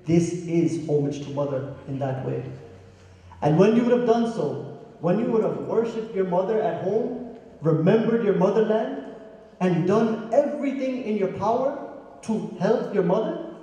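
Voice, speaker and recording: The voice is warm and on the high side: a pandit from Guyana preaching to his congregation. He asks them questions and chants Sanskrit verses, captured from a distance in an echoing hall.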